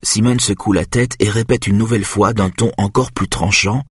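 A man narrating an audiobook in a steady, even storytelling way. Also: on the low side, normal speed, slightly rough, dry recording, studio quality.

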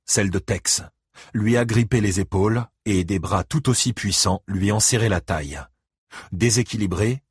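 A man narrating a novel as an audiobook, in steady storytelling. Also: fairly low pitch, slightly rough, no echo, clean studio sound.

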